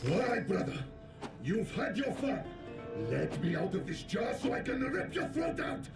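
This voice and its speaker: A man's voice: high-pitched, very animated, a little slow, creaky, music in the background, full character voice. An actor playing a vicious, scheming male spirit trapped in a bottle, sneering and then mock-polite. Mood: threatening.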